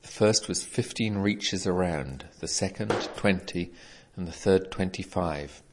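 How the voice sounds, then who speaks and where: A man narrates an old folk tale in a measured storybook way. His voice is very low and steady. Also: noisy background. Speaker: reader.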